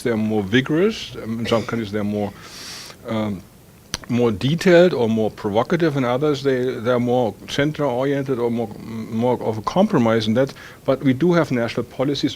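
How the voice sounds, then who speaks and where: A man's voice: mid-range voice, slight background noise. A man from Germany with a German accent, speaking on an academic panel and thinking aloud with many fillers and restarts.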